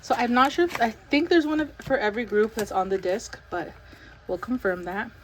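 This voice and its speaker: A young woman chatting casually as she unboxes an album, talking in an excited, breathless way with lots of fillers. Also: fairly high pitch, a little fast, a little hiss or hum, low-quality recording. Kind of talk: casual chat.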